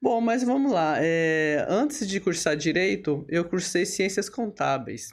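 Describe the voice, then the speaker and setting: A woman, a lawyer telling her career story as a podcast guest, steady and full of tag questions and hesitation fillers. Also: fairly low pitch, unhurried. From Brazil. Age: 50s. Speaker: lawyer and bar association leader, podcast guest. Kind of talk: relaxed interview storytelling.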